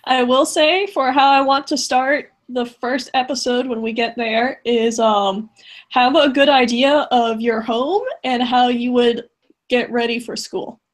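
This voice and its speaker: A woman's voice: fairly high pitch, unhurried. A woman acting as game master, chatting casually while planning a tabletop game. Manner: relaxed, chatty, gives instructions.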